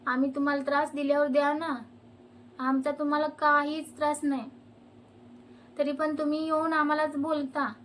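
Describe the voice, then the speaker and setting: A woman's voice: sits high, slight background noise. A young woman, venting her fed-up complaints about neighbours straight to her viewers as a vlogger. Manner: fed-up ranting. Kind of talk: complaining to camera.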